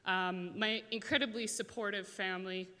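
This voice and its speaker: A woman from Alberta accepting an award, speaking with grateful emotion and halting, filler-filled phrasing. Her voice is bright and clear. It echoes through a large hall with long reverb. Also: medium pitch, fairly even intonation. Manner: emotional, thankful, hesitant with fillers. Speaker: award winner. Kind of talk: acceptance speech. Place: large event hall stage.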